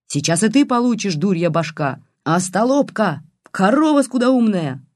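A woman's voice: deep voice, very animated, moderate pace, no room sound, clean studio sound. A reader voicing a furious one-eyed old village woman who scolds and curses shrilly. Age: older.

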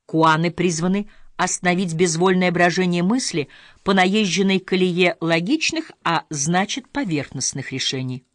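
Expressive woman reading literary essays. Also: lowish voice, normal speed, no echo, clean studio sound. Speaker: audiobook narrator.

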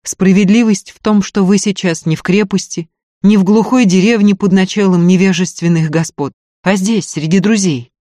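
An impulsive young man, a student, gallant and earnest, quick to flare up and quick to apologise, as a reader puts him on. Read close and dry, in the even register of a storyteller. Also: medium pitch, no room sound, pitched above the performer's own voice, close to an everyday voice. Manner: earnest, ardent, stammering apologies. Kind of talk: audiobook character voice.

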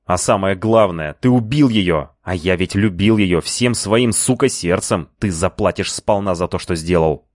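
A man's voice: low voice, normal speed, few pauses, no room sound, studio quality, close to an everyday voice. A man voicing a violent, ruthless male crime boss who barks threats and orders in an audiobook. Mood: furious. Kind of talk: audiobook character reading.

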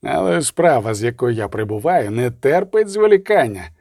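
Sinister cold male assassin, voiced by a man, sardonic, mellow tone, dry sound. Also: mid-range voice, very animated, normal speed, creaky, dry recording. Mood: menacing. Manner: menacing, sardonic.

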